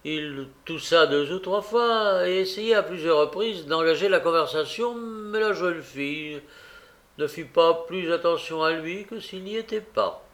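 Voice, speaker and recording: A man narrating a classic novel as an audiobook reader, measured and deliberate with occasional hesitant fillers. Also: fairly high pitch, a bit bright.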